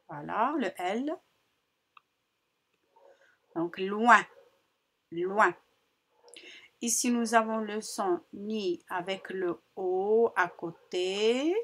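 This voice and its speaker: A woman teaching young children a phonics lesson, sounding out syllables slowly and repeating each one with care. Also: medium pitch, husky. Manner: slow, carefully articulated, repeats sounds for children. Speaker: primary school teacher.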